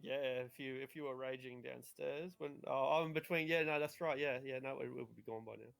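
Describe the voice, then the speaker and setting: A man running a tabletop game as game master, improvising dramatic, halting narration. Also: mid-range voice, fairly even intonation, creaky, a bit bright, no room sound.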